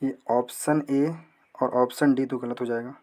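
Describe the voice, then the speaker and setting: A young man teaching an exam prep lesson, asking questions and answering them himself, reading English text slowly. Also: mid-range voice, steady tone, a little mellow.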